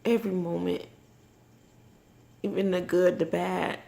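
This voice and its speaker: A woman vlogging in a personal, confessional way, emotional and tearful after crying, speaking haltingly and reflectively. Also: lowish voice, steady tone, gravelly, dark tone. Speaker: vlogger and mother. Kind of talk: personal, confessional vlog talk.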